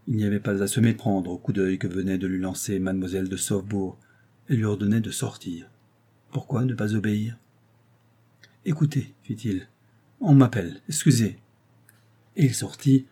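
A man narrating a classic novel as an audiobook in a steady, literary manner. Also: fairly low pitch, slightly rough.

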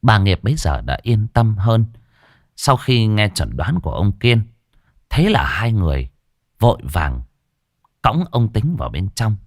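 Man, low voice, lively pitch, dramatic ghost story narration, dry close sound. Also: measured pace, long pauses, dry recording. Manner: dramatic, varied delivery.

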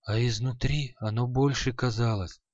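Man doing a cantankerous old dead wizard, low muttering gripe, lo-fi dry audiobook read. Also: slow, no echo, lightly acted. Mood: grumbling. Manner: grumbling, scornful, muttering. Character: grumpy dead old male sorcerer, spiteful teacher.

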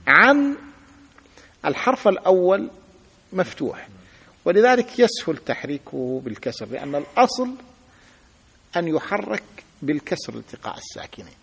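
A man's voice: high-pitched, big pitch swings, normal speed, gravelly, long pauses, fairly bright tone, slightly rough. A sheikh teaching a grammar lesson, patiently repeating examples and asking his students to say them aloud. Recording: long hall reverb.

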